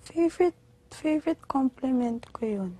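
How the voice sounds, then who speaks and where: A young woman vlogger in casual gossip chat, teasing and excitable, with sudden loud bursts. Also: sits high, measured pace, slightly rough.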